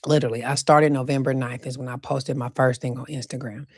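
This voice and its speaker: A woman hosting her own podcast, talking casually and loosely about faith, slowing down to repeat her key points with emphasis. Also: extremely low pitch, steady tone, darkish tone, breathy edge, dry recording, studio quality. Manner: slow emphatic repetition of key phrases, casual and profane. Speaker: podcast host. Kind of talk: casual faith-themed monologue.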